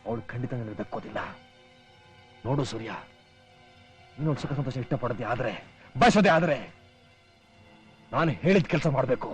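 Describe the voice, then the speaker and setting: An actor playing a stern elder brother and head of the family, commanding and lecturing in a film drama. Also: male voice, medium pitch, brisk, pauses often, soft background music, lightly acted.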